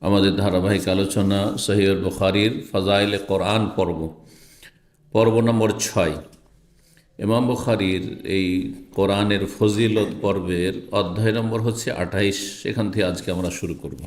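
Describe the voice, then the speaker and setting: A low-pitched man delivers a religious lesson, hammering home each point and repeating it for emphasis. His voice rings around a roomy, echoey space. He now and then draws words out slowly to show how they should be read. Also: fairly even intonation. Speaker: Islamic scholar teaching hadith. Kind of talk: religious lecture explaining a text. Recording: roomy echo.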